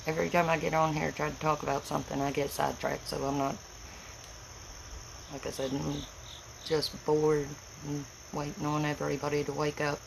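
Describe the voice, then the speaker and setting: A woman with a folksy Appalachian accent from Tennessee chats casually on a livestream. Her voice is gravelly with plenty of fry, and she talks in a plain, rambling, rural way. Faint noise sits behind her on the recording. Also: sits low, flat delivery, normal speed. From Tennessee, United States. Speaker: livestream host.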